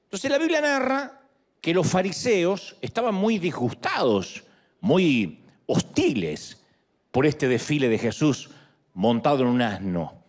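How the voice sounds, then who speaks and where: A middle-aged Argentine man preaching a sermon as pastor, animated and playful. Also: on the high side, measured pace, big-room sound. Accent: Argentine Spanish. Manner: animated, playful, rising to calls to the crowd.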